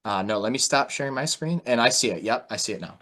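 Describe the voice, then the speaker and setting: The host of an online interview, a market analyst on a video call, delivers loose, informal market commentary with lots of "you know." His voice is medium in pitch and sharp in tone, animated and quick.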